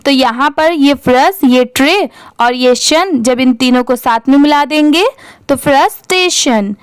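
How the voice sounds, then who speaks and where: A woman teaches reading in a high, clear voice, spelling each word out slowly letter by letter. She puts questions to her class and answers them herself. The sound is close and dry, with no room echo.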